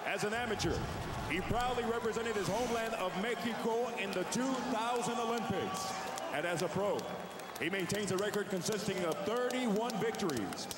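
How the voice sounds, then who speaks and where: Theatrical high-pitched male lucha-style ring announcer. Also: moderate pace. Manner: theatrical, booming, stretches words for effect. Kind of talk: showy lucha libre style ring announcing with drawn-out names. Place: boxing ring in a large indoor arena. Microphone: handheld microphone over arena PA. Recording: echoing arena, loud crowd noise.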